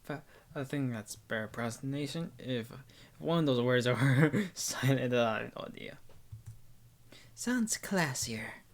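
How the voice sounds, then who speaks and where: A man reading a visual novel aloud in first person, halting and stumbling at times and dropping into whispers. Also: medium pitch, vocal fry. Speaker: narrator.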